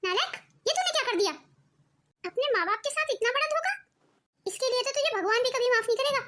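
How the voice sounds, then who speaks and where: A woman's voice: very high voice, fairly quick, a bit bright. A woman voicing an elderly mother-in-law in a cartoon family story, scolding and pleading by turns. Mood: angry. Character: proud elderly mother-in-law, later remorseful. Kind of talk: cartoon voice acting.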